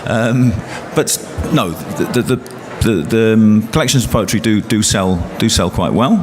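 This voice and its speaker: Speaking at a normal speed in a voice on the low side, a male poet takes part in a panel discussion. He hesitates often, restarting and using fillers, and heavy traffic is audible in the background.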